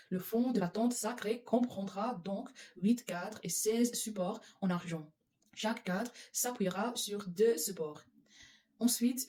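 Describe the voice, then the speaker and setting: A woman with an English-speaking accent reads scripture aloud in French, a language she learned later. Her voice is mellow and dark, and she reads at an unhurried pace. She often trips over words and corrects herself. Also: medium pitch. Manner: stumbles and self-corrects while reading. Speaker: Bible reader.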